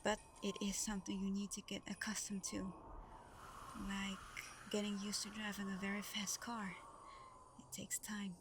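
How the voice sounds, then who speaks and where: In an intimate, breathy ASMR roleplay, a woman plays Santa's gentle adopted adult daughter, a shy, affectionate sleigh driver, speaking softly, tenderly and hesitantly, partly in a near whisper. Her medium-pitched voice has a fairly flat melody and a warm, reminiscing mood, at normal speed and close to an everyday voice. Clearly noisy ambience sits in the background.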